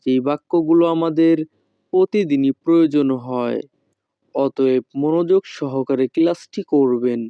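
A man teaching a language lesson, slowly and carefully repeating each phrase. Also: a little high, mellow, smooth, no echo, lo-fi sound.

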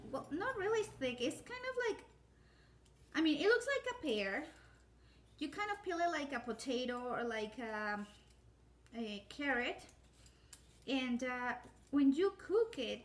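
A woman in her thirties with a high voice talks through a cooking demonstration. She rambles in a chatty way, with fillers and restarts. She is recorded in a home kitchen on a camera on the counter, with a faint hum of ambience behind her. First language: Spanish. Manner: chatty and rambling, with many fillers and self-corrections. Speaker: home cooking channel host. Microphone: phone or camera set up on the counter, framed from the waist up.

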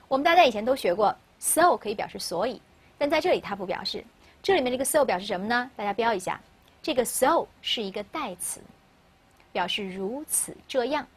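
A woman's voice: medium pitch, husky. A woman teaching an English grammar lesson in Mandarin, a native Mandarin speaker who asks her class questions and answers them herself. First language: Mandarin Chinese.

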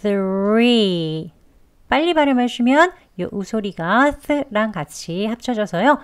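A woman teaching English pronunciation, explaining patiently and modelling sounds slowly. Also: on the high side, expressive. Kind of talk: pronunciation lesson.

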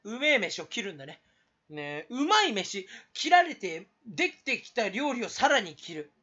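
Silly guy from kanto doing fake kansai talk, rambling solo vlog, bright voice, dull muffled recording. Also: high voice, very animated, normal speed. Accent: put-on Kansai dialect over Kanto speech. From Kanto, Japan. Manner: goofy, jumpy, abrupt swings in loudness. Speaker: YouTuber.

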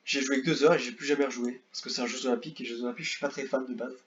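Rambling young French gamer, lo-fi mic. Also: male voice, mid-range voice, very fast, a little hiss or hum. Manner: rambling, repeats words, excitable bursts. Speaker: gaming youtuber. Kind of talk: casual tier-list commentary.

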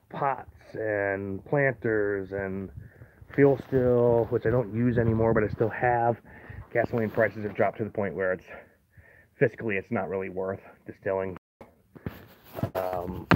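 A man's voice: lowish voice, a little mellow. A man giving a casual walking tour of his homestead, rambling with lots of fillers, recorded outdoors on a handheld phone. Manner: rambling, filler-heavy, chatty. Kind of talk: casual walkaround narration. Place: outdoors on a rural homestead yard. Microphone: phone camera held while walking. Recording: tinny phone-line sound with faint noise.

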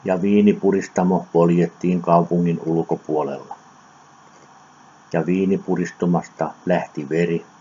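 Very deep-voiced man reading scripture. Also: steady tone, dark tone, husky. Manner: measured, deliberate reading with occasional slips. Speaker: scripture reader. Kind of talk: solemn audiobook scripture reading. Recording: dull lo-fi recording with faint noise.

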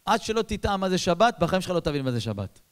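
A rabbi preaching to a crowd through a long story, his voice sitting fairly high for a man. He talks to them like friends, breaks into sudden loud runs, then drops low and quiet for an aside. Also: clean tone. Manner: animated, swings between loud bursts and soft low asides; addresses listeners directly, colloquial. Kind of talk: storytelling sermon.

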